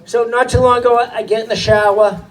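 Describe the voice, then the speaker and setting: A man doing stand-up, telling animated stories about his kids and acting out their voices. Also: extremely high pitch, quick pace. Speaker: stand-up comedian and father. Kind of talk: stand-up storytelling. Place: comedy stage before a live crowd. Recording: distant stage mic, audience laughing.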